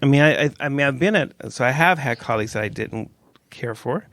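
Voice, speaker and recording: Gravelly low-voiced man rambling casually. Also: expressive, brisk, a bit bright, dry recording. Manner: rambling, loses his train of thought, laughs often. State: drowsy from a warm stuffy room. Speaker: podcast co-host. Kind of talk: casual chat.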